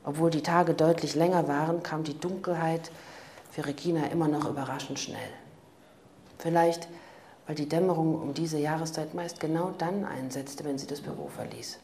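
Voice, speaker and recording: A woman narrating a crime audiobook in a calm, even manner. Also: low voice, normal speed, slight background noise. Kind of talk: scripted narration.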